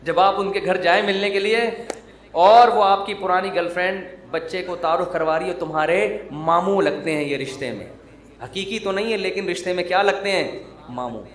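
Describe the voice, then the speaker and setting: A male Islamic preacher giving a sermon in a joking, teasing, conversational way. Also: high voice. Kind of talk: humorous sermon. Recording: roomy echo.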